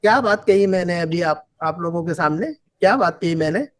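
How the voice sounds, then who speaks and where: A man's voice: high voice, animated, normal speed. A man teaching an Arabic class, patiently repeating phrases and quizzing his students. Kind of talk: online class lesson.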